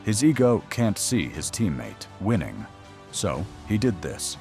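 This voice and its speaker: Soft music plays beneath a deep, gravelly male voice narrating a scripted documentary. His pace is measured and his pitch swings widely as he tells the story with a dramatic, teasing edge.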